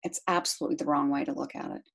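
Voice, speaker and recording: A middle-aged woman talking about being a caregiver, chatty and animated, laughing often as she tells a story. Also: sits low, very fast, gravelly, breathy edge. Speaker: guest, caregiver to her husband. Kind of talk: casual interview storytelling.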